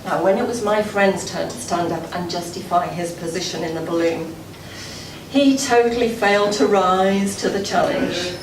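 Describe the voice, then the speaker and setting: As club president, a woman gives a prepared after-dinner speech, telling a story in a deliberate, measured manner with dramatic pauses. Her fairly low voice is recorded far from the mic in an echoey, noisy indoor gala dinner room before an audience.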